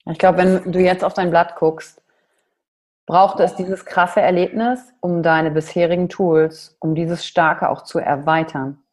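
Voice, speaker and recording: A woman's voice: fairly low pitch, steady tone, measured pace, darkish tone. A woman hosting an interview podcast, affirming and reflecting back what her guest says. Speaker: podcast host. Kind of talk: casual interview.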